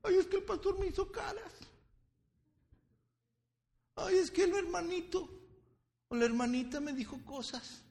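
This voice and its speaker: A man voicing a whiny, self-pitying churchgoer making excuses, in a high mocking imitation. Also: a little slow, pauses often, darkish tone.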